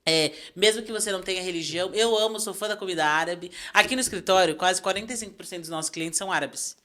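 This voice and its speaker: Brief: brisk female host from Brazil, lively storyteller in casual interview chat. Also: fairly low pitch. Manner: animated, emotional storyteller. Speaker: podcast host.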